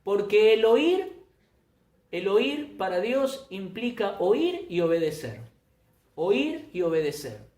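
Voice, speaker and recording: Emphatic preacher in an echoey room. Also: male voice, big pitch swings, slow. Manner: emphatic, with sudden rises in pitch and loudness; repeats and restarts phrases. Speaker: pastor. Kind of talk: sermon.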